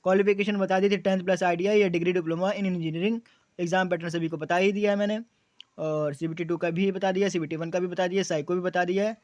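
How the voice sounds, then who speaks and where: A young exam coaching YouTuber explains exam details to students, restating key points as questions and answers and using frequent fillers. He talks fast in a high, darkish voice with fairly even intonation, recorded dry.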